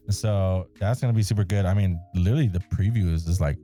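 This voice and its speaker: A young man hosting a casual podcast chat, laughing often and swearing freely in a loose, joking way. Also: sits low. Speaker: podcast host.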